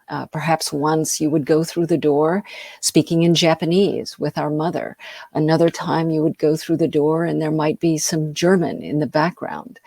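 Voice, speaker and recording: Low-voiced woman giving an informal talk. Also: gravelly, dark tone, no room sound, clean studio sound. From United States. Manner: hesitant, many ums and uhs. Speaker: invited speaker. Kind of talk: informal lecture over a video call.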